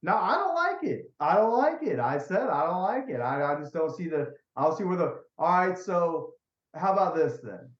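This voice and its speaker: A man's voice: on the high side, sing-song, normal speed. A man co-hosting a podcast in casual chat, blunt and rambling, often repeating himself. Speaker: podcast co-host. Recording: echoey, dull lo-fi room sound.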